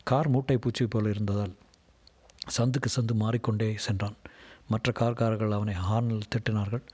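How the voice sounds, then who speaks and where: A man reading a novel aloud as narrator, in a steady, measured storybook manner. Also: lowish voice, husky. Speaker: audiobook narrator.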